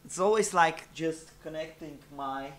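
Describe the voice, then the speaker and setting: A man's voice: fairly high pitch, measured pace, noisy background. A man streaming live, chatting casually in a rambling, self-deprecating way with many fillers.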